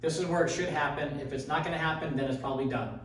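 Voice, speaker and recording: Echoey, slightly high-voiced man thinking aloud. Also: fast. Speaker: craps tutorial host. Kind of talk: casual unscripted demonstration commentary. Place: echoey indoor room. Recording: echoey room, distant mic, faint noise.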